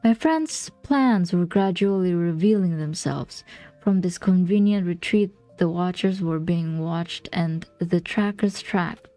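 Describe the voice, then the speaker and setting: A woman's voice: on the low side, measured pace, warm tone, faint music behind. A young woman from Indonesia, reading a novel aloud on a livestream, sometimes stumbling over words and correcting herself. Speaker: streamer.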